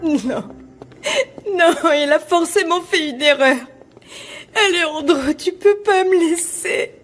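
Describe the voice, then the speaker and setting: A woman's voice: medium pitch, moderate pace, faint music behind, close to an everyday voice. An actress playing a newly married young woman who breaks down in disbelief and tears at terrible news. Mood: grieving. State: crying. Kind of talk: dubbed drama acting.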